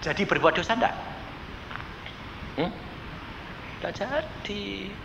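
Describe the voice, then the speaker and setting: A man with a Javanese accent preaching a sermon, telling stories and swinging between soft and loud. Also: high voice, animated, slow pace, vocal fry, dull audio. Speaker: pastor. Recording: echoey hall with faint noise.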